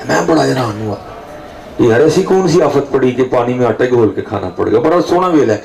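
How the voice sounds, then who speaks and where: A man's voice: expressive, gravelly, rough recording. A man delivering a devotional sermon to a gathering, telling stories, and checking in with the listeners as he goes. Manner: storytelling, rising pitch for emphasis, frequent "theek hai ji" checks. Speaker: preacher. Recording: crowd heard behind voice. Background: audience at a night gathering.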